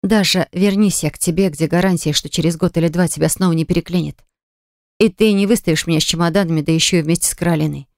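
A woman's voice: fairly low pitch, fairly even intonation, quick pace, darkish tone, dry recording, studio quality, natural voice. A woman voicing a hurt young woman who answers her ex-fiancé in a cutting, reproachful way, in an audiobook. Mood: cold. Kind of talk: audiobook dialogue reading.

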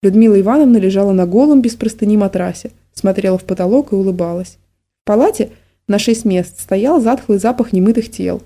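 A woman narrating an audiobook in the first person with measured, even storytelling. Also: mid-range voice.

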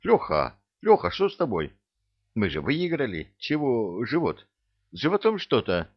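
A man voicing a small, jumpy young soldier who whines and yelps, pitched high. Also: huge pitch swings, a little slow, highs cut off. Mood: panicky. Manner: whiny, yelping.

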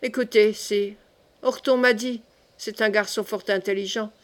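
A woman's voice: medium pitch, steady tone, measured pace, close to an everyday voice. A woman reading the part of a bold, loyal young male captain, speaking in a resolute, soldierly manner. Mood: determined. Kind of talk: audiobook character reading.

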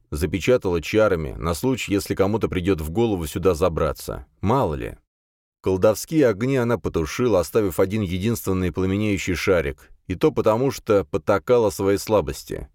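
Male audiobook narrator, very low voice, lively intonation, dry sound. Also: brisk, dry recording. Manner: expressive storytelling. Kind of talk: scripted narration.

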